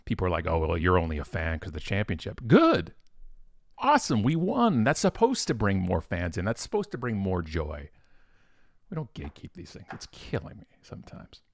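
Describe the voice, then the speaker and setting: A low-voiced man chatting on a live stream, recorded close and dry with no room sound. He talks in an animated, off-the-cuff way, full of fillers and quick restarts, and breaks into sudden excited peaks. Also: no room sound. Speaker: professional speaker.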